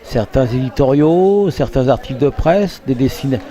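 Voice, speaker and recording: A male journalist interviews in a warm, relaxed voice of average pitch. His delivery is conversational and halting as he searches for words. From France.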